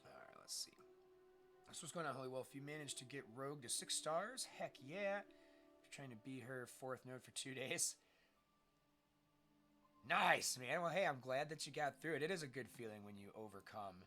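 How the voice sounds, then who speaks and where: A man's voice: mid-range voice, normal speed, bright, forceful tone, faint music behind. A congested man casually commenting on his gameplay, chatting, muttering to himself and answering viewer chat. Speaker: let's play streamer.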